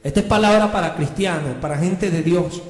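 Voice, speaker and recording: A man with a high voice preaches emphatically, asking the congregation question after question. His voice carries through a hall with a long reverb, a faint bed of music underneath. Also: fairly quick, darkish tone. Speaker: pastor. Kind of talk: sermon. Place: church. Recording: echoey church hall with music.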